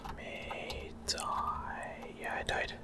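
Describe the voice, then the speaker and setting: In a breathy, voiceless whisper, an ASMR gaming streamer narrates his play. His pace is slow and tentative, with sentences that drift into pauses.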